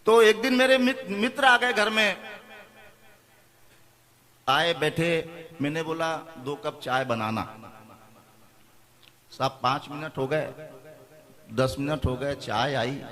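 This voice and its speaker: A middle-aged man, a comic poet, telling funny stories on stage with quick switches into quoted voices. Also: fairly high pitch, pushed and bright. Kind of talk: stand-up storytelling.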